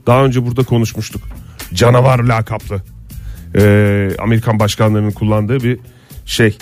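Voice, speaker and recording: A man co-hosting a morning radio show, telling news stories in a dry, joking way with drawn-out pauses. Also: lowish voice, little pitch movement, darkish tone, faint music behind. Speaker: radio co-host.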